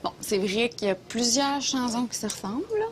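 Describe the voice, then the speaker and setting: An actress playing a young trendy woman in a taxi, hesitant and gently contrary, in a comedy sketch. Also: fairly high pitch, brisk, background noise, natural voice. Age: young adult. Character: young trendy woman passenger, mildly teasing. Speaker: taxi passenger. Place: inside a taxi.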